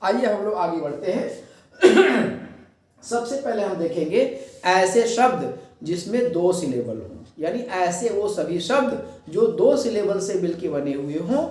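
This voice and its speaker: A man's voice: high voice, big pitch swings, a little mellow. Man teaching English in an echoey room. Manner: explains step by step, mixing Hindi with English phrases; slows down and stresses English definitions. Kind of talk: video lecture. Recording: echoey, voice from a distance.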